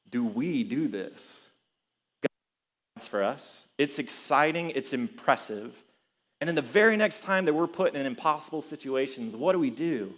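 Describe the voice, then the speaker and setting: A young adult man preaching a sermon in a casual, animated way, chuckling as he tells stories. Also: a little high.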